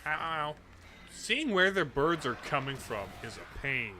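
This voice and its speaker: A man's voice: fairly high pitch, very animated, slow, noisy background. A man casually commenting while playing a horror game, chatty and joking. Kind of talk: casual let's-play commentary.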